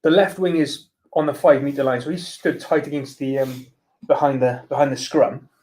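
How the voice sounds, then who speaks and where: A man co-commentating on a live rugby match. He mixes brief interjections with calm tactical analysis. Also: medium pitch, moderate pace, poor audio.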